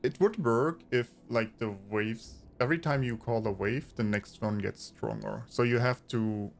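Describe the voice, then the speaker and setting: A man giving casual gameplay commentary, thinking aloud with hesitant pauses. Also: mid-range voice, gravelly. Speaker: gamer commentating on own play. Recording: faint game music behind voice. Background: video game music and unit voices.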